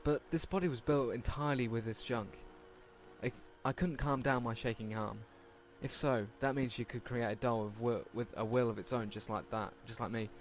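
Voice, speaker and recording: A man with a mid-range voice hosts a let's play at normal speed, reading visual novel text aloud and occasionally tripping over words while game music plays behind him.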